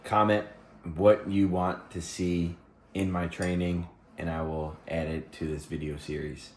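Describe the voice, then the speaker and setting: A man's voice: sits low, little pitch movement, unhurried, darkish tone, slight background noise. A man talking casually to camera over a meal at his mother's home, upbeat and joking. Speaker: vlogger and ultrarunner. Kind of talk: casual vlog talk to camera.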